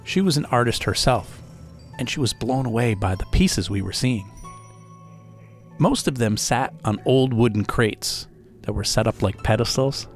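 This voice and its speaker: A man's voice: mid-range voice, a little slow, faint music behind. A man narrating a first-person story as a podcast host, in a casual, chatty way with asides to the listener.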